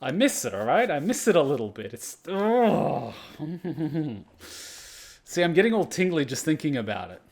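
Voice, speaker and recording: A man giving casual reaction commentary over a video game, excitable and rambling, with a dramatic streak. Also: a little high, moderate pace, a little hiss or hum. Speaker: gaming reactor.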